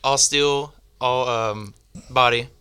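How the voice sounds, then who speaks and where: A man's voice: medium pitch, fairly even intonation, slow pace, pushed and bright, clean tone. A young man guesting on a radio show, hesitant, with lots of fillers and short answers. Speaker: guest, amateur racer. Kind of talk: casual radio interview.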